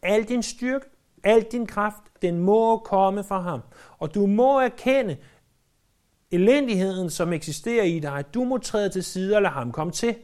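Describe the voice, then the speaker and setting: A man's voice: high-pitched, darkish tone. Guy preaching, earnest and emphatic, repeats himself for effect. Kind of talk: sermon.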